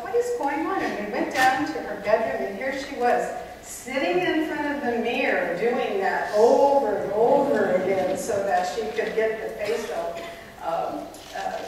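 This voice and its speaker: Woman, storyteller at a live panel, chatty; distant, reverberant hall recording. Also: medium pitch. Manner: chatty, animated, with many fillers. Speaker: panel speaker. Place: large indoor event hall. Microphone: far camera. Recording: echoey hall from far off, noisy.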